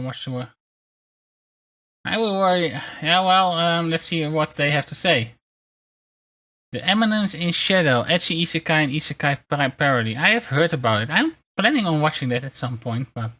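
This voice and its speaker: A streamer of unclear sex chatting casually in a hesitant, rambling way and reading bits aloud, with a mid-pitched voice. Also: sharp tone. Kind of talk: casual livestream chat, reading articles aloud. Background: background music.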